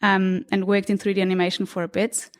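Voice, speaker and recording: A woman's voice: medium pitch, monotone, fairly quick. A woman from Austria, in her thirties, talking reflectively as a podcast guest recorded in an apartment, laughing lightly now and then. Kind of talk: relaxed conversational interview. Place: apartment indoors.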